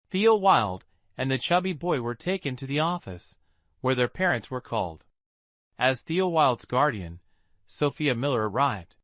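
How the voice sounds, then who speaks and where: A man narrates a story in a steady, expressive reading. His pitch moves lively through each phrase. The sound is close and dry, with no room echo.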